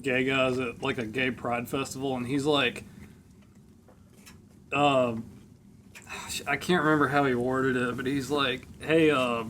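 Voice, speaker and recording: A man's voice: medium pitch, flat delivery, measured pace, pauses often, a bit bright, slight background noise. A man hosting a podcast, telling stories in a joking way. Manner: joking storyteller, laughs at his own stories. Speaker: host and editor. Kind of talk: casual podcast chat.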